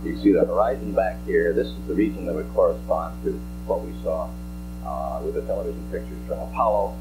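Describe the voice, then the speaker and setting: A man presenting slides as a scientist at a briefing, explaining technical material in a halting, explanatory way. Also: low-pitched, loud music behind the voice, rough recording. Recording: archival press-conference audio with hum.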